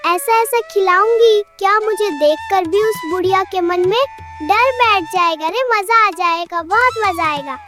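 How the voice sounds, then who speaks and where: Woman doing a cheeky scheming young bride, super high voice, kids cartoon music behind. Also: unhurried. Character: lazy, cheeky young daughter-in-law. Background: children's background music.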